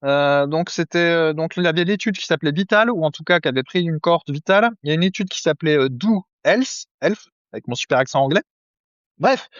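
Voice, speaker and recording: A man's voice: on the high side, quick pace, hardly any pauses, fairly bright tone, smooth, dry recording, highs cut off. A man co-hosting a nutrition podcast, chatting casually with many fillers and jokey asides. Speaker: podcast co-host. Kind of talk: casual chat.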